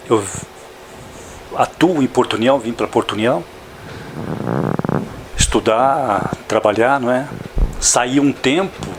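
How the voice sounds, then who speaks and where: A man past sixty, guest in a radio studio, recalling his life at an unhurried, deliberate pace. His voice sits at a middle pitch and keeps returning to little "não é?" tags. A soft air-conditioning hum runs under the recording. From Santa Catarina, southern Brazil. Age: older. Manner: slow, reflective, with frequent "não é?" tags. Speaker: radio interview guest, journalist. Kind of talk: radio interview.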